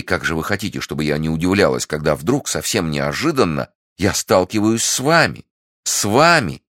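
A man voicing a scheming, manipulative French noblewoman who fakes warmth, talking in a feverish, insistent way. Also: deep voice, no room sound, clean studio sound, voice pushed up.

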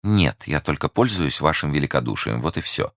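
A man voicing a cautious, secretive young woman who speaks in hushed, urgent tones. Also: very deep voice, big pitch swings, fairly quick, no echo, clean studio sound, heavily acted. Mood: guarded.

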